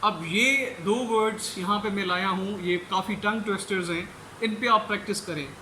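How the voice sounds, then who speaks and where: A man teaching English pronunciation, explaining in Urdu and repeating each English word slowly to demonstrate it. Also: high voice, pushed and bright, reverberant, a little hiss or hum, poor audio. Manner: switches between Urdu explanation and English examples. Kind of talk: pronunciation lecture.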